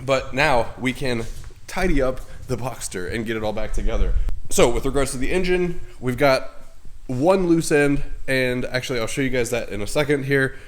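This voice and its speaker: Hosting his car channel in his home garage, a young man with a head cold speaks in a congested, medium-pitched voice at a moderate pace. The casual vlog talk is chatty and rambling, peppered with fillers and jokes at his own expense.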